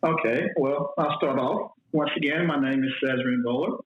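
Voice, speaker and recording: A man from Mississippi in his forties talks casually about being a flight attendant as an interview guest. His mid-range voice keeps a moderate pace while he rambles and repeats words. The recording is phone-like and echoey.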